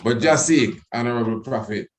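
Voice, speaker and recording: A man moderating a casual reasoning in Rasta speech, halting and repeating his words. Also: medium pitch. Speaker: discussion moderator.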